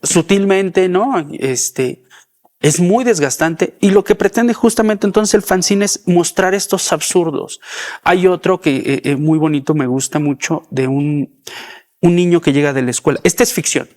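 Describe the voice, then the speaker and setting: Higher-voiced man, reflective. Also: moderate pace, a little mellow. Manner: thoughtful, explanatory, repeats words when starting. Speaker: podcast guest. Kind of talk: reflective conversation.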